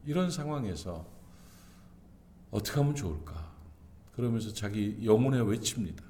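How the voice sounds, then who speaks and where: A man's voice: fairly low pitch, animated, normal speed, mellow. A male pastor preaching an early-morning sermon in a church, with earnest delivery that suddenly rises and falls. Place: church sanctuary.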